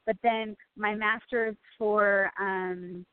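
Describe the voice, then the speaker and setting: A woman's voice: medium pitch, steady tone, slow pace, smooth, dry recording, phone-quality sound. A middle-aged woman calling in for guidance, talking casually and a little unsurely. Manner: hesitant, unsure. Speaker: caller seeking guidance. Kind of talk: casual call-in conversation.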